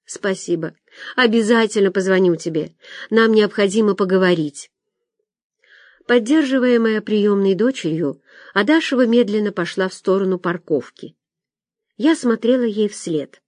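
A woman reading a first-person novel aloud as an audiobook narrator, expressive and lively. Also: mid-range voice, dry recording, clean studio sound.

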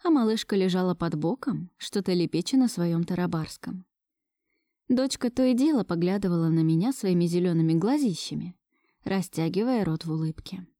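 A woman reading a first-person story aloud in a steady, even way. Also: lowish voice, moderate pace, dry recording, studio quality. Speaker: audiobook reader.

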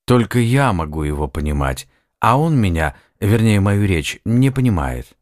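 A man's voice: fairly low pitch, sing-song, moderate pace, no room sound, studio quality. A man narrating an audiobook who voices an earnest young man of the sea, asking eager, wondering questions.

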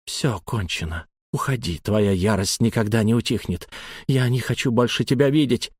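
A man voicing a gentle young female storyteller and singer in an audiobook, soft and pleading. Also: medium pitch, moderate pace, husky, no room sound, studio quality, lightly acted. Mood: angry. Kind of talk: audiobook character voice.

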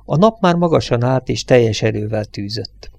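A man reading an audiobook in a calm, measured narrating voice. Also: medium pitch, creaky.

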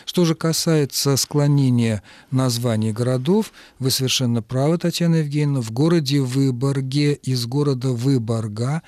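A man answering listeners' questions about language on a radio call-in show, explaining at a measured pace with occasional hesitations. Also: medium pitch, a little mellow, no echo. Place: radio studio.

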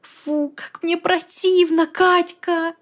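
A woman voicing a shrill, distraught young woman. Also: level tone, a bit bright, full character voice. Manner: agitated, pleading, fast hot whisper. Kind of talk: audiobook character voice.

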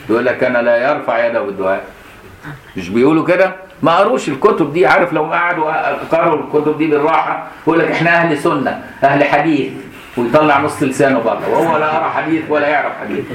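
A man's voice: medium pitch, slight background noise. A middle-aged man with an Egyptian Arabic accent gives a colloquial hadith commentary lesson, explaining with rhetorical questions and laughing now and then. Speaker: religious teacher. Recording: echoey room.

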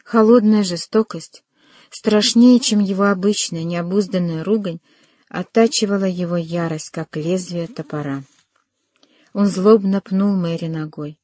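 A woman with a low, dark, mellow voice reads a novel aloud in a measured, dramatic way. The recording is dry and close, made at a studio mic. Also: no room sound. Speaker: audiobook narrator. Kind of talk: scripted literary narration.

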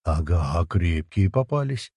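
A man voicing a scheming ancient dark god, speaking low and dry in a storybook reading. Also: lively intonation, slow, husky, no echo, heavily acted. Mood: pondering.

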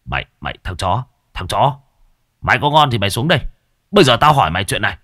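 A man voicing an older village man who yells in anger and screams for help. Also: fairly low pitch, sing-song, fast, heavily acted. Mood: angry. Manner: angry shouting, screaming for help. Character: older village man, quarrelsome then panicked.

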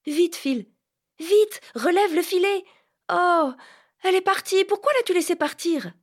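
Woman voicing a sharp, impatient teenage girl. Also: very high voice, animated, pitched above the performer's own voice. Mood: excited. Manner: sharp, quick, bossy. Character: impatient fifteen-year-old girl, proud and prickly. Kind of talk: audiobook character voice.

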